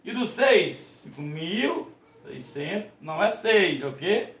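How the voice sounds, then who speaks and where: A man with a fairly high voice teaches a math class, patient and repetitive, often asking questions he then answers himself. He restarts his sentences to correct himself. The recording has a noticeable room echo. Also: very animated, slow. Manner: patient, repeats points and asks rhetorical questions. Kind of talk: explaining a lesson to students. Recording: echoey room.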